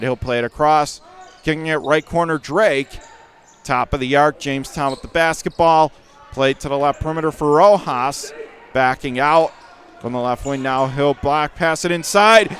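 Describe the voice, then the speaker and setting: This radio announcer, speaking with a Western New York accent, narrates a high school basketball game as it happens. He fires off plays rapidly and breaks into shouts whenever something big happens.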